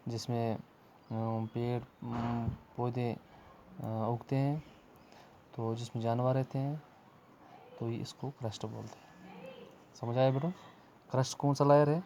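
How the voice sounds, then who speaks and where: Patient teacher coaxing young pupils. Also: male voice, medium pitch, warm tone, a little hiss or hum. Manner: repetitive, coaxing, calls pupils "beta"; reads English textbook lines slowly then explains. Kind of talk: classroom lesson for children, Urdu mixed with English.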